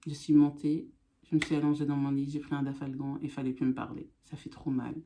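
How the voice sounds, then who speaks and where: A woman's voice: low-pitched, little pitch movement, a little fast, warm tone, a little hiss or hum. A woman vlogger chatting casually to camera, her speech affected by newly fitted braces.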